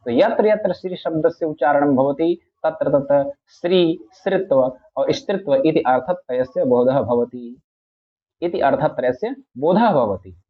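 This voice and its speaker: A man's voice: fairly high pitch, animated, measured pace. A man teaching grammar in a patient lecture, repeating each point and reciting classical phrases. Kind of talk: explanatory lecture. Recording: tinny phone-like audio.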